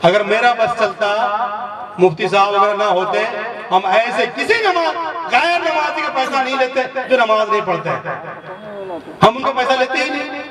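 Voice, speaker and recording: A man's voice: very high voice, moderate pace, a crowd in the background. A man preaching a sermon, impassioned and scolding, often chuckling between his points. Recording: echoey and distant from the mic.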